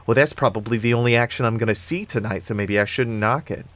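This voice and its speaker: A man's voice: mid-range voice, fast talker, a bit bright, no room sound, natural voice. A man reading aloud and voicing a blunt, mocking teenage girl. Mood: sarcastic. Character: crude, sarcastic teenage girl.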